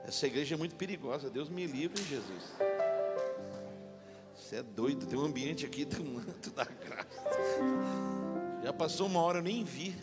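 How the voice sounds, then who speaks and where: A man pastor preaching a lively sermon in a church, leading the congregation to repeat after him. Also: fairly high pitch, moderate pace, long pauses. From Brazil. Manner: animated, call-and-response with congregation. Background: instrumental music.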